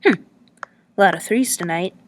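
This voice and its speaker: A woman's voice: on the low side, unhurried, background noise, close to an everyday voice. Hesitant guarded young woman traveler, as the reader voices her.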